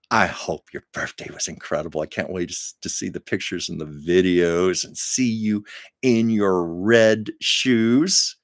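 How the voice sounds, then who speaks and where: In a low voice with a fairly bright tone, a livestream host talks casually with his viewers from home and laughs frequently. The camera on his livestream setup picks up a dry, clean, studio-quality sound.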